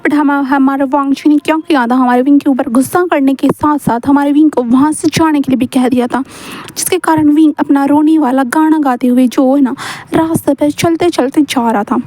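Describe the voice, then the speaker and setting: A woman's voice: high voice, fairly even intonation, moderate pace, mellow, dry recording. A woman narrating a fan fiction story in a chatty, casual way, voicing the characters' lines in her own voice. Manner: chatty, mixes English words into Hindi, acts out lines plainly.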